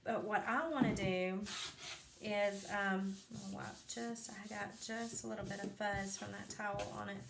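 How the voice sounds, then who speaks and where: A woman talks slowly through a craft project at home, sleepy and yawning. She rambles with ums and side remarks. Her voice carries a roomy echo over a faint background hiss. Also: mid-range voice, fairly even intonation, creaky. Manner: chatty, rambling, full of ums and asides. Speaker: craft vlogger. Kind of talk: live craft demonstration. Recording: echoey room, faint background noise.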